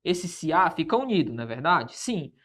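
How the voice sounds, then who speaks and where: Animated Brazilian teacher quizzing himself. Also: male voice, fairly high pitch, moderate pace. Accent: Brazilian Portuguese. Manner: asks students' questions aloud, then answers them, upbeat. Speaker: Portuguese teacher for public exams. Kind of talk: online exam-prep lesson.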